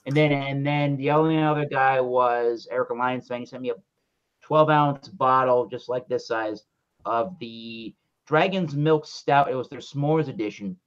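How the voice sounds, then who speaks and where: A man hosting a beer review show, chatting casually on a video call, animated and swearing freely. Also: medium pitch, unhurried, clear, resonant tone. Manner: animated, profane, jokey. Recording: dull lo-fi call audio.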